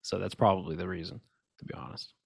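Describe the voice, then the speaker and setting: A man's voice: low voice, fairly even intonation, quick pace, gravelly, slightly rough, no echo, studio quality. A man co-hosting a casual podcast, talking in a rambling, emphatic way with lots of restarts and asides. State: has the hiccups. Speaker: podcast co-host. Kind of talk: casual conspiracy chat.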